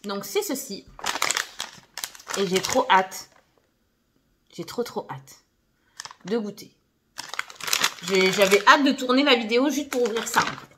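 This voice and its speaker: A woman's voice: fairly high pitch, measured pace, pauses often. Chatty young woman vlogger, faint hiss. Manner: chatty, filler-heavy, giggly asides. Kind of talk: casual haul video.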